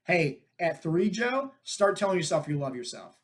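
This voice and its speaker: A man hosting a fitness coaching podcast, telling stories in an energetic, casual way and often checking in with "right?". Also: fairly high pitch, moderate pace. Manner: energetic, talks to listeners with frequent "right?" and "like" fillers. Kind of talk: casual storytelling monologue.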